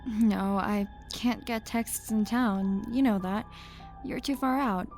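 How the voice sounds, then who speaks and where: A woman's voice: medium pitch, takes it slowly, a little mellow, faint music behind. A woman playing a confident, teasing young woman in an audio horror story. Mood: firm. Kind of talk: audio drama acting.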